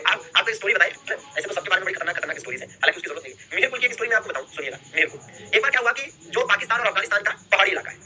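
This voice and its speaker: A man's voice: high-pitched, pushed and bright, slight background noise. A young man teaching a history class, repeating key terms and checking in with students after every point. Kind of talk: live online class lecture.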